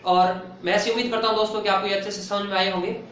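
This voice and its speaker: A man's voice: high voice, flat delivery, quick pace, a little hiss or hum. A man teaching a Hindi spelling lesson for exam prep, drilling students by asking questions and then answering them himself. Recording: loud echo, voice far from the mic.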